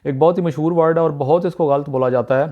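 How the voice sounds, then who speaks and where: The tinny audio carries a fairly high, narrow male voice from a YouTube teacher giving a pronunciation lesson. He says example words slowly and repeatedly, pausing often with "uh."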